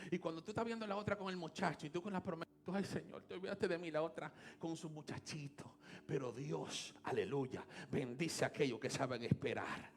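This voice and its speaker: A Dominican man preaching a sermon, moving between hushed talk and loud shouted praise. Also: fairly high pitch, fairly quick. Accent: Dominican Spanish. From Dominican Republic. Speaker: pastor.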